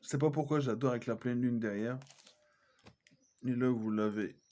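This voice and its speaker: A man's voice: mid-range voice, normal speed, mellow. A man chatting casually as he shows his film collection, hesitant, with many fillers and self-corrections. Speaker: collector vlogger. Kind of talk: casual unboxing chat.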